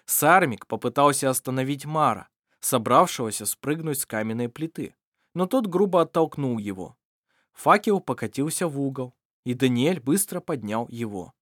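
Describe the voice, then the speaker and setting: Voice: mid-range voice, expressive, normal speed, fairly bright tone, no room sound, clean studio sound. A reader narrating a fantasy novel in an audiobook, acting out every character.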